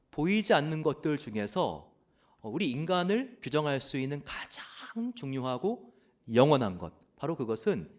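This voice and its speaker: A man preaching a sermon as pastor, earnest, pausing often with "uh" and asking rhetorical questions. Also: medium pitch, darkish tone. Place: church.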